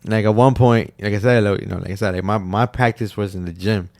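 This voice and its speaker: Gravelly low-voiced man telling a slangy story. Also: fairly even intonation, fairly quick, darkish tone, no room sound. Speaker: podcast co-host. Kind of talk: casual chat.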